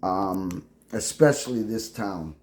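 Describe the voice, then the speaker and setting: A man, speaking in a halting personal monologue full of restarts. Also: low voice, lively intonation, darkish tone, a little hiss or hum. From El Paso, Texas. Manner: halting, with many restarts and fillers. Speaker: veteran vlogger.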